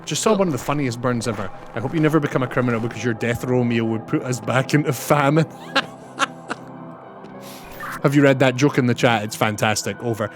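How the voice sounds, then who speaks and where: A young man with a medium-pitched voice streams a game, chatting fairly quickly with his viewers and ending his turns with "over." Loud game music plays behind him.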